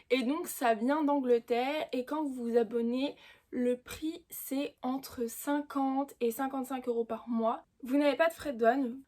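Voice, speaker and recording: A woman's voice: sits high, darkish tone. A woman hosting her book channel, chatting casually through an unboxing with frequent hesitant fillers. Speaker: booktube host.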